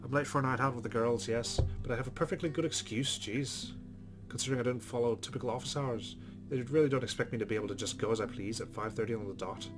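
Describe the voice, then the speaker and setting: A man with a mid-range voice talks fast as a let's play host, reading a visual novel aloud and tossing in casual commentary. Game music with plucked guitar plays in the background.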